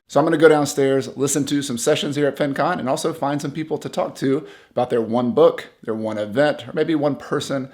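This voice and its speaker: A man talks straight to the viewer in a relaxed vlog style. His voice sounds a little worn and hoarse. He keeps an ordinary middle pitch and an easygoing manner. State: losing his voice. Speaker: channel host. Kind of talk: casual vlog narration.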